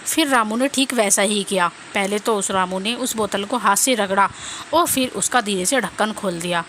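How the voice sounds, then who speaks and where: A woman narrating a cartoon story in a steady storytelling manner. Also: mid-range voice, normal speed, a little hiss or hum.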